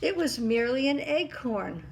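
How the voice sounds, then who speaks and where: A woman's voice: high-pitched, animated, moderate pace, vocal fry, a little hiss or hum, pitched above the performer's own voice. A woman voicing a wise, curious king in a children's storybook, speaking patiently. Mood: calmly explaining. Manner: questioning, explaining patiently. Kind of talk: children's storybook read-aloud.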